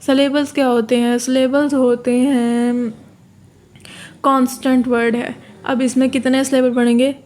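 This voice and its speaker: A woman from Pakistan, tutoring for an exam, explaining slowly, repeating key terms and reading English definitions aloud. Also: sits high, little pitch movement, a little mellow. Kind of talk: exam-prep lecture.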